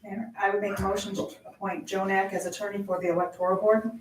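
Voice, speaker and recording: A woman's voice: medium pitch, flat delivery, quick pace. A woman speaking formally as a board member, putting motions and corrections at an official meeting. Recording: echoey room, distant mic, faint noise.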